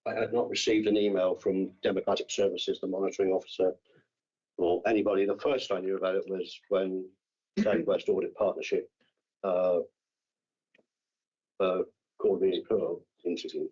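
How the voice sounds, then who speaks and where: A man answering questions at a formal council hearing, halting and repeating his words as he defends himself. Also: low-pitched, flat delivery, a little mellow, husky. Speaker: councillor under investigation. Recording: dull lo-fi meeting room audio.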